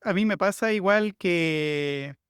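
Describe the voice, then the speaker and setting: Chilean male guest, smooth clear voice, dry close mic, easygoing storyteller. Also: sits high, takes it slowly, a bit bright, no echo. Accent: Chilean, partly neutralized with Argentine traces. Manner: storytelling, anecdotal, amused. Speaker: podcast guest, content creator. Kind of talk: casual podcast conversation.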